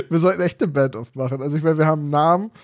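A man making wry, joking remarks in casual discussion as a podcast co-host. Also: on the high side.

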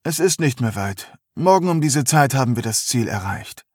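A man's voice: medium pitch, lively intonation, moderate pace, darkish tone, slightly rough, no echo, studio quality. Kerster, a man playing a bossy big young man. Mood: commanding. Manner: domineering, taunting.

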